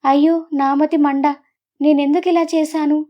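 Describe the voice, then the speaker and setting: A woman's voice: sits high, level tone, unhurried, highs cut off. A woman voicing a distraught middle-aged mother who scolds and tearfully pleads with her grown son. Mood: tearful pleading.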